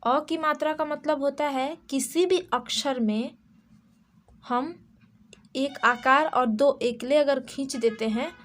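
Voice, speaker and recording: A young Indian woman teaching a class of small children, spelling out sounds slowly and repeating each word. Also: high voice.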